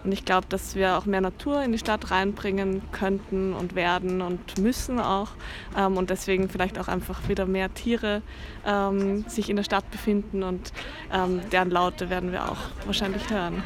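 A woman's voice: medium pitch, little pitch movement, moderate pace, slight background noise. A woman visiting a festival gives a thoughtful street-interview answer, with many hesitations. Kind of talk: vox pop answer.

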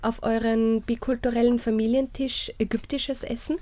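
Woman interviewer, gentle prompting questions, slightly high, mellow. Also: flat delivery, moderate pace. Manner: friendly prompting questions, affirming hums. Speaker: host. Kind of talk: radio interview.

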